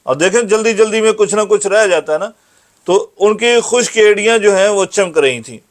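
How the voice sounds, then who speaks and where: A man teaches a hadith class, his voice sitting high for a man. He recites each Arabic line slowly, then breaks it down in a patient, explaining tone. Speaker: Islamic teacher giving a hadith lesson. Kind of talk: religious lesson.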